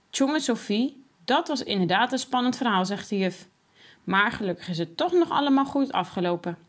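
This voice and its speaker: A woman reading a children's story aloud, expressive and lively, voicing the characters' dialogue. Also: medium pitch.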